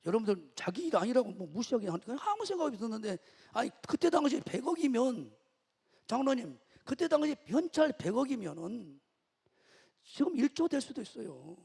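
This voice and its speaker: A middle-aged man preaches a sermon in a high, swooping voice with a gravelly, husky edge. He tells his story with rhetorical questions to the congregation. His voice rings through a large church hall with long reverb. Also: big pitch swings, a little fast, darkish tone. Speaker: pastor. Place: church sanctuary.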